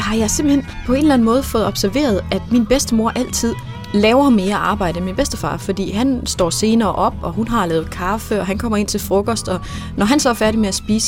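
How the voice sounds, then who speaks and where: A woman casually telling a childhood anecdote in a lively way, with some filler words. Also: mid-range voice. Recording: music playing underneath. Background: guitar music.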